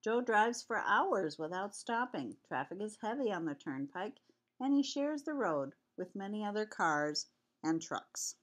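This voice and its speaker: A woman's voice: mid-range voice, big pitch swings, unhurried. An older woman, a sweet grandmother with a cold, reading a children's picture book aloud in a homely, chatty way. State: has a cold with cough.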